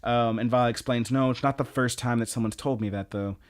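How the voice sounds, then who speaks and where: A man's voice: mid-range voice, fairly quick. Rambling man recapping anime episodes. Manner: rambling and animated, jumps into excited voices for quoted lines. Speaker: podcast co-host.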